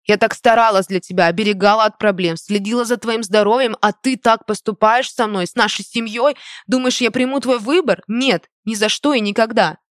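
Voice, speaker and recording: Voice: mid-range voice, a little fast, dry recording, clean studio sound, pitched above the performer's own voice, close to an everyday voice. A reader voicing a domineering, wealthy middle-aged mother who scolds her grown son in an audiobook. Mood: indignant scolding. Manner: hissing, scolding, indignant.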